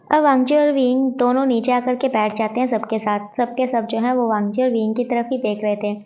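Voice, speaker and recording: A woman's voice: warm tone, dull audio. A woman casually narrating a fanfiction story, chatting between scenes and lifting her voice a little for the characters' lines. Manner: voices characters' dialogue with slight pitch lifts, chatty asides.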